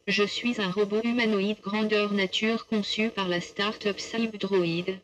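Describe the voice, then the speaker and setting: A humanoid robot speaking with a synthesized female text-to-speech voice, as a guest on a TV studio set, in an even, measured manner. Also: medium pitch, poor audio. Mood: calm.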